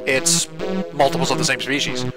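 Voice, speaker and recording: A man's voice: mid-range voice, steady tone, a little fast. A man giving casual, rambling let's play commentary as a gaming YouTuber, laughing at the game. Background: game music.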